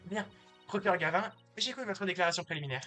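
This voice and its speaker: A man's voice: high-pitched, animated, quick pace, sharp tone, faint music behind. A man reading aloud as an eager young woman lawyer who plays the judge in a mock trial. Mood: spirited. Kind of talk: reading game dialogue aloud.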